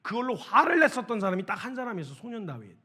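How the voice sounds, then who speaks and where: A man preaching a sermon to students as a missionary, telling the story with lively acted-out dialogue. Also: high voice, racing, slightly rough. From South Korea. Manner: animated storytelling, acts out dialogue with shouts.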